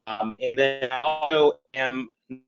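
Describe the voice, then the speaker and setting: Man, webinar panelist, mid-pitched, halting delivery with restarts, dull video-call audio. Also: over music. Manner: halting, many fillers and restarts. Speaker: panelist, diversity executive.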